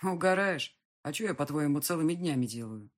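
A woman's voice: deep voice, lively intonation, fairly quick. A woman voicing a sulky young male ghost who talks in rude, sarcastic slang.

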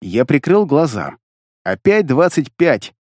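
A man reading a first-person fantasy story aloud in a wry, expressive storytelling manner. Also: a little high, slow, studio quality. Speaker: audiobook narrator. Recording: long reverb.

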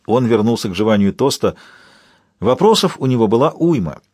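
A man narrating an audiobook in a steady, wry storytelling manner. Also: medium pitch, brisk, husky, no echo, clean studio sound.

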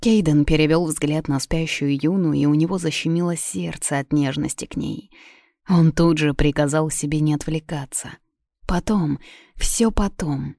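A woman narrating a novel in an even, measured storytelling manner. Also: low-pitched, no room sound, studio quality. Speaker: audiobook narrator. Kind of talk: scripted narration.

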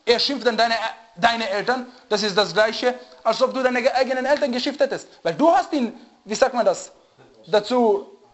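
Man, high voice, religious lecture, hunts for words mid-sentence, dull lo-fi recording. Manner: often pauses to search for German words; asks listeners to confirm they follow. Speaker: religious teacher.

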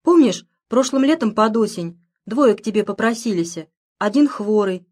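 A woman reading a storybook part, voicing a gravely ill young village girl who speaks weakly and fearfully. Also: mid-range voice, lively intonation, normal speed, a little mellow, lightly acted. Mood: frightened. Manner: weak, fearful, murmuring.

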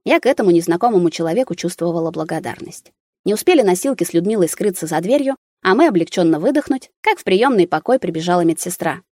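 A woman reading a first-person audiobook in an even, measured storytelling manner. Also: on the low side, no room sound, studio quality. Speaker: audiobook narrator.

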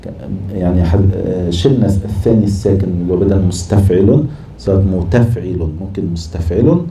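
A man's voice: sits low, fairly quick, dark tone. A man teaching poetic meter in class, scanning verses aloud syllable by syllable. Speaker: sheikh teaching Arabic prosody. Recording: echoey room, from far off, faint noise.

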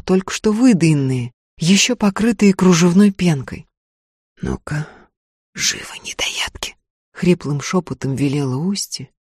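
A woman reading a novel aloud in an even, measured storytelling voice. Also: medium pitch, husky, dry recording, studio quality. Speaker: audiobook narrator. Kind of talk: scripted narration of a novel.

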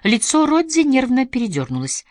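A woman narrating a novel as an audiobook in an even, unhurried reading. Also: high-pitched, no echo, studio quality.

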